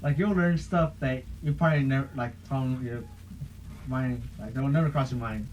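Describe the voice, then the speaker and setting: A man's voice: medium pitch, normal speed. A young man hosting a podcast, chatting casually in a rambling, profane way. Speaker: podcast host. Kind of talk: casual chat. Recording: muffled with faint hiss.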